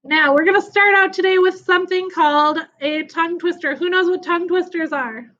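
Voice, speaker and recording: A woman's voice: very high voice, fairly quick, fairly bright tone. A woman teaching young children in an online class, upbeat and encouraging, over a video call. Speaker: elementary school teacher. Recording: dull lo-fi video call audio.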